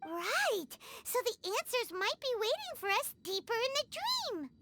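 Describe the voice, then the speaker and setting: A woman voicing Paimon, a tiny floating female companion who is excitable, exclaims often and talks about herself in the third person, in a video game. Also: measured pace, soft background music, exaggerated voice. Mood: eager. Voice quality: squeaky, very high childlike voice. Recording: game sounds loud behind the voice.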